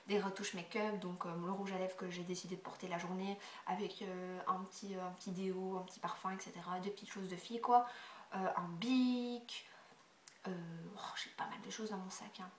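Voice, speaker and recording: A young woman from Belgium answering a casual question tag for her vlog, with a stuffy congested nose, chatty and full of hesitant fillers, sometimes dropping to quiet asides. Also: mid-range voice, steady tone, moderate pace, reverberant, recorded from a distance, a little hiss or hum. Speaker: beauty vlogger.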